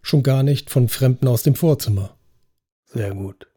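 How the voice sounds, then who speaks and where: A man narrating a story in a measured, even scripted reading. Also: medium pitch.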